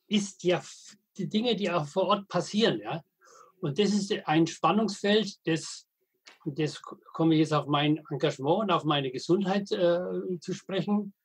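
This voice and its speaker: A man in his eighties from Middle Franconia, Germany, with a husky, slightly high voice, is a guest on a podcast interview. A veteran wastewater engineer and editor, he tells stories in a halting way, often hesitating and starting over, with dry, anecdotal humor.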